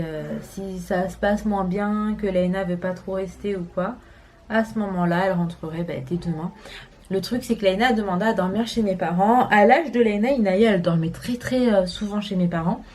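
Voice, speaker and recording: A woman's voice: mid-range voice, a little mellow. A woman in her twenties from France, chatting casually to camera at home, rambling with many fillers. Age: 20s. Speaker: vlogger. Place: home, indoors.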